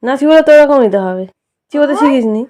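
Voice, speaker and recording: A woman's voice: high voice, lively intonation, racing, warm tone. A woman vlogging at home at night, chatting casually and coaxing her small son with repeated words. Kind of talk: casual vlog chat.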